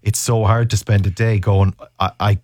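A man's voice: lowish voice, flat delivery, moderate pace, darkish tone, dry recording, studio quality. A man interviewing someone in a casual, chatty and informal way. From County Mayo, west of Ireland. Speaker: interviewer, host.

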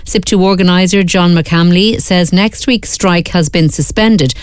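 An Irish woman reading a scripted radio news bulletin in a measured, formal way. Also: on the low side, smooth, dry recording. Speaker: newsreader. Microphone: studio microphone.

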